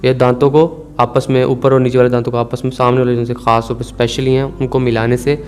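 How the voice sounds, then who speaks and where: A man teaching Quran recitation rules, calmly explaining and slowly stretching out recited words to demonstrate. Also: mid-range voice, faint music behind. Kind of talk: tajweed lesson.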